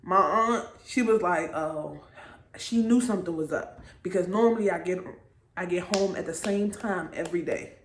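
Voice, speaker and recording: Her voice is on the low side, with slight background noise and a roomy echo in the recording. This young vlogger in her twenties shares a personal story to camera, keeping it casual and conversational and dropping in small asides to check on her viewers.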